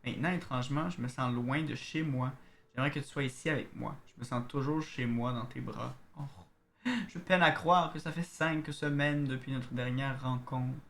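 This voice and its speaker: Quebecois guy streaming a game, reads letters out slow, chats w/ chat, faint noise behind. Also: mid-range voice, steady tone, vocal fry, fairly bright tone. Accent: Québécois French. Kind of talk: let's play commentary, reading in-game letters aloud.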